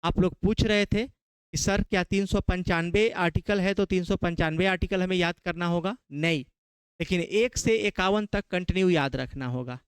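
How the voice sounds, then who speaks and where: A man's voice: high-pitched, normal speed, clean tone, no echo. A man from Bihar with a Bihari Hindi accent, teaching a classroom lecture, quizzing his students and repeating key terms.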